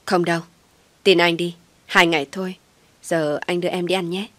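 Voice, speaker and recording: Brief: woman reading as a pleading young man in a storybook, soft coaxing, low dry voice. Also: level tone, normal speed, no room sound, lightly acted.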